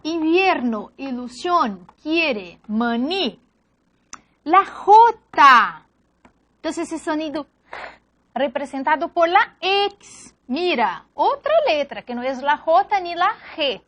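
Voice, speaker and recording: A woman with a first language of Portuguese leads a phonetics lesson at an unhurried pace. Her voice sits high and sounds bright. She spells out sounds and example words patiently, one by one. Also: lively intonation. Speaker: language teacher. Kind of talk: slow phonetics lesson, reading word lists.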